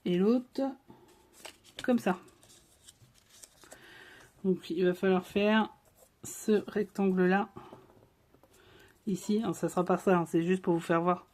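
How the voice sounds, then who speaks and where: A woman's voice: lowish voice, steady tone, slow pace, long pauses, a little mellow. A woman hosting a casual craft tutorial, chatting as she works and checking in with viewers as she goes. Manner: chatty, talks straight to viewers with frequent check-ins. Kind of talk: casual step-by-step craft demonstration.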